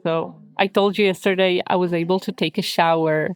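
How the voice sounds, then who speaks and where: A woman's voice: fairly low pitch, steady tone, brisk, clear, resonant tone. Israeli woman speaking hesitant English. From Israel, born in Russia. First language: Hebrew. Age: 30s. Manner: hesitant, many "like" fillers. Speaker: interviewee. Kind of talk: casual conversation. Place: hotel bomb shelter.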